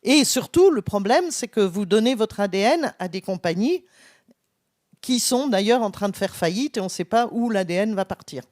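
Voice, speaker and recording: A woman's voice: mid-range voice, lively intonation, normal speed, a little mellow, no echo, studio quality. A woman from France, a genetics professor, explaining with enthusiasm and many fillers and restarts. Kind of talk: explanatory conference conversation. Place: conference stage.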